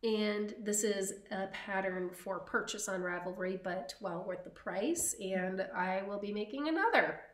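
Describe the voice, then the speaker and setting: Unhurried woman chatting about knitting, lots of ums, bit of room echo. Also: mid-range voice. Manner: slow, chatty, many ums. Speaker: podcast co-host. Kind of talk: casual knitting chat.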